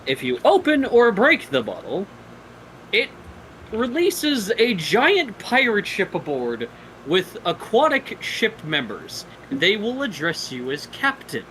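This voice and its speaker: A man's voice: high-pitched, pushed and bright, a little hiss or hum, rough recording. A man narrating a tabletop role-playing game as game master.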